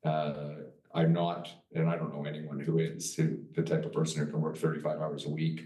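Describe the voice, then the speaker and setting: A man's voice: a bass voice, monotone, a little fast, mellow. A middle-aged man, an entrepreneur guest, talking earnestly in a casual interview with many restarts. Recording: roomy, distant from the mic.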